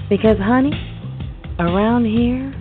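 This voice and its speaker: A woman's voice: fairly high pitch, unhurried. A woman delivering a teasing scripted intro as a radio show announcer. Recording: tinny lo-fi audio under loud music.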